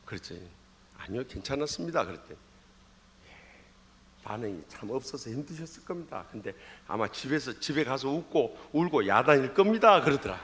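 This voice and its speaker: Animated, bright-voiced Korean pastor preaching. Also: male voice, normal speed, slight background noise. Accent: Jeolla Korean. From Jeolla, South Korea. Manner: animated storytelling, shifting from loud calls to low asides. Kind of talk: sermon. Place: church sanctuary.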